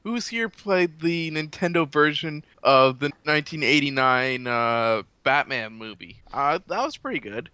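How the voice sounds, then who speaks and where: A man's voice: on the high side, lively intonation, a little slow, hardly any pauses, pushed and bright, clear, resonant tone, no echo. A North American man co-hosting a podcast, chatting casually and giving blunt opinions. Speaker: podcast co-host. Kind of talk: casual chat.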